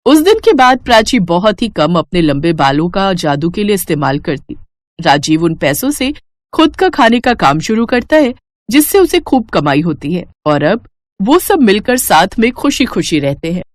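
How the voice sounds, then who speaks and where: A woman storyteller giving calm scripted narration of a moral tale. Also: medium pitch, moderate pace, no room sound, studio quality.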